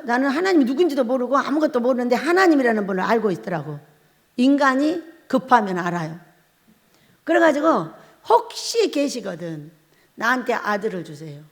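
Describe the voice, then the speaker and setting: A middle-aged woman pastor telling her own testimony in a sermon. She tells it as a story, laughs often, and acts out her own crying and shouting. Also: high voice. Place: church hall. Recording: long hall reverb.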